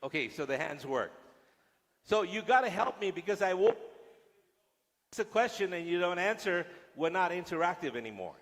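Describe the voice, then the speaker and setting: A man's voice: sits high, sing-song, normal speed, long pauses, a bit bright. A male guest lecturer speaking to police officers in a large lecture hall, joking with and teasing the audience. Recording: long hall reverb.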